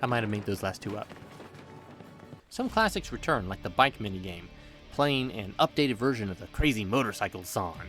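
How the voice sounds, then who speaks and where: Narrating a scripted video game review over background music, a man with a lowish voice sounds very animated at a moderate pace. He keeps things playful with joking asides.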